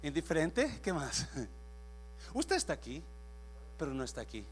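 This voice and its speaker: A man's voice: fairly high pitch, wildly swooping pitch, a little slow, slight background noise. A man preaching a sermon in church as pastor. He preaches with emphasis, repeats his phrases, quizzes the congregation and drops English words into his speech.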